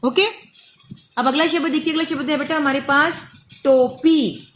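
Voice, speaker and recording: A primary school teacher speaks at normal speed in a high, steady voice, patiently spelling words for small children by stretching each sound and syllable. She calls the listener "beta," and there's a little hiss or hum in the audio.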